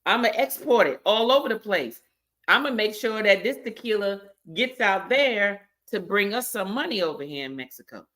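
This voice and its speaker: A woman's voice: mid-range voice, expressive, moderate pace, fairly bright tone, voice pushed up, natural voice. A woman voicing a boastful male tequila exporter who is eager to sell, with a cocky, salesy way of talking.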